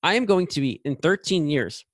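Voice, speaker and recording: A man's voice: a little high, lively intonation, moderate pace, no echo, studio quality. A man in his twenties co-hosting a podcast, giving blunt, opinionated takes in casual chat. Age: 20s. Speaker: podcast co-host.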